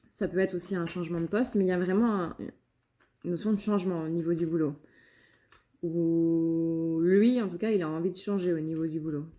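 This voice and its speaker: A woman with a somewhat low, mellow voice gives a casual channeled card reading. She talks in a halting way, often pausing on fillers and starting phrases over. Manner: hesitant, many fillers and restarts. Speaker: tarot reader and medium.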